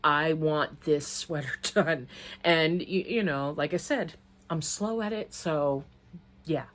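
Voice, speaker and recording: A middle-aged woman, slightly hoarse, chatting casually to camera about her crafts and rambling with many restarts. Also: sits low, takes it slowly. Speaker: crafting vlogger.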